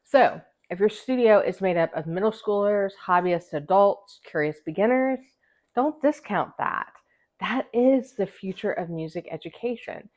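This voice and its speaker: Speaking at a normal speed in a mid-range, slightly mellow voice, this woman hosts a vlog of scripted, encouraging advice for other musicians. She teaches music and plays it herself, addressing the camera directly and emphatically, with a slight lisp from her retainer.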